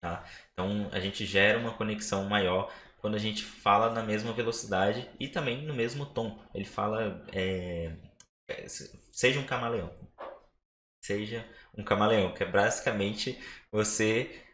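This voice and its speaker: A Brazilian man co-hosting a nutrition podcast in easy conversation. He talks fast by habit and then slows right down to stress a point, his voice a little low. The room is echoey, with a faint hiss behind him. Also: fairly bright tone. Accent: Brazilian Portuguese. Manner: quick talker who slows down to stress points. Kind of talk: casual podcast discussion.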